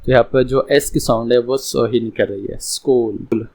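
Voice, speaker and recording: A man teaching English grammar in a lesson, explaining slowly and repeating each example. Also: mid-range voice, fairly even intonation, darkish tone, rough recording.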